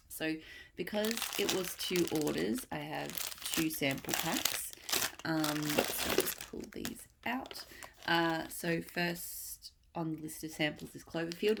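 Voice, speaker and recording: A woman vlogger with a low, gravelly voice chats casually about a wax melt haul, rambling a bit and thinking aloud as she reviews each product. There's a faint hiss or hum on the recording.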